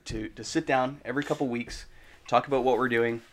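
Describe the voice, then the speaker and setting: A man co-hosting an indie film podcast, telling an anecdote in a halting way and often repeating words. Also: mid-range voice, steady tone, a bit bright. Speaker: podcast co-host. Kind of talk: casual chat.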